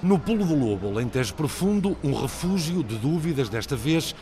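A male radio reporter with a European Portuguese accent. His voice is somewhat high for a man. He delivers a scripted feature. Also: sing-song, moderate pace.

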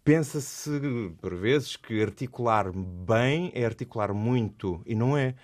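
A man's voice: on the low side, measured pace. A man with a European Portuguese accent, a voice coach explaining speech habits in a radio interview, in a teacherly way. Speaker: guest voice coach and singer.

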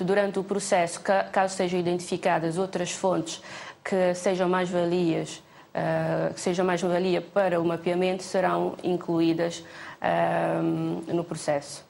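Gravelly low woman, measured and hesitant. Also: darkish tone. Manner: measured, hesitant, many fillers. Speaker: statistics institute representative. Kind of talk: TV studio interview.

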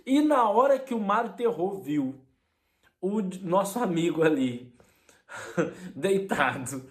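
A man with a Brazilian accent telling a comic story in an animated way, mimicking other people. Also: slow. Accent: Brazilian Portuguese. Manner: animated, mimics his mother and friends in high voices. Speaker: comedian. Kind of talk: stand-up storytelling.

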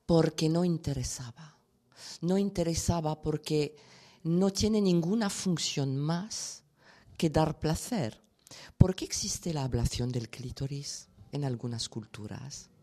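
A woman speaking as a sexologist guest in an interview, explaining in an unhurried, storytelling and amused manner. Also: low-pitched, mellow.

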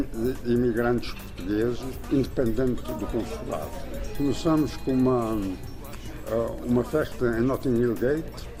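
A man interviewed about his past organizing work, speaking hesitantly with pauses and restarts. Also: medium pitch. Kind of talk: recalled personal account.

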